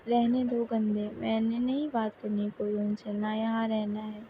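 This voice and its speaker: A woman's voice: a little high, level tone, a little slow, phone-quality sound, a little hiss or hum, lightly acted. A woman voicing a lonely, stubborn young woman who sulks and pleads tearfully, in a narrated story.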